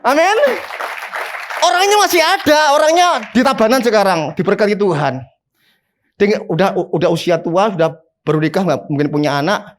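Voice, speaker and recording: A man, a pastor preaching a sermon in an animated way, with sudden high emphatic bursts. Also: moderate pace, some chatter behind.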